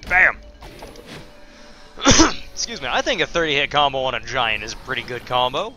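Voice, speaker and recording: Guy rambling thru a game playthrough, super bright sharp voice, lots of ums, jokes about being bad at it. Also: mid-range voice, very animated, fast, soft background music. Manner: rambling, self-deprecating, many fillers. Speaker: let's play host. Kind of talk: casual gameplay commentary.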